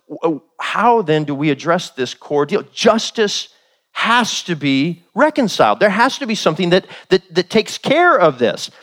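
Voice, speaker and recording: A man's voice: fairly high pitch, fairly bright tone. A man preaching a sermon in a conversational manner, full of rhetorical questions and acted-out voices.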